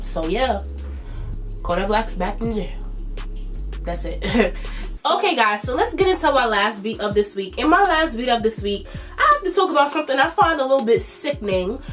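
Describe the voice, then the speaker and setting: A woman's voice: fairly high pitch, expressive, normal speed, fairly bright tone, soft background music. A woman in her twenties with a stuffy, nasal voice, chatting loosely as a vlog host with plenty of fillers. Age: 20s. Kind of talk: casual commentary.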